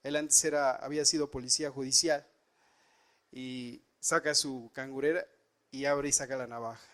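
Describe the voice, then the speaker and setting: A man's voice: medium pitch, steady tone, normal speed, a bit bright. A man preaching a sermon, telling a personal story earnestly and rising and dropping his voice for emphasis. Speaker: pastor.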